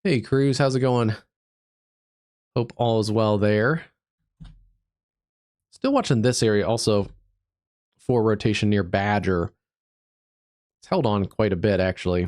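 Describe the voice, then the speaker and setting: A man's voice: lowish voice, a little mellow, no room sound, studio quality. Stuffed-up man calling live storm radar. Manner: thinking aloud, easygoing, halting with fillers. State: stuffed up from allergies. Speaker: digital meteorologist, livestream host. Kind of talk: live severe weather stream commentary.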